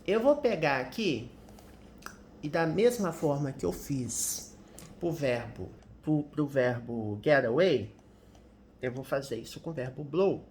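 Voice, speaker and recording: Slow, patient Brazilian man teaching. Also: fairly high pitch, expressive, a little mellow. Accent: Brazilian Portuguese. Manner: patient, explanatory, tags sentences with "né?". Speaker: English teacher. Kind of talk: grammar lesson explaining example sentences. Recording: roomy echo with faint background noise.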